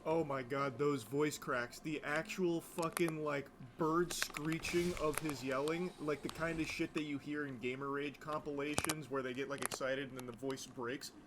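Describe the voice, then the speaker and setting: A man's voice: fairly high pitch, steady tone, moderate pace, few pauses, noisy background. Profane, mocking male commentator. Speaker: commentator reacting to videos. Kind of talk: casual reaction commentary.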